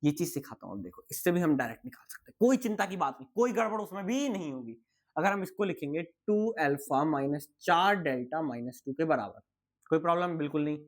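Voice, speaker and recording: A man's voice: on the high side, lively intonation, a little fast. Chatty male physics teacher. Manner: chatty, calls students bhai, asks and answers his own questions. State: tired. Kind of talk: casual exam-prep lecture.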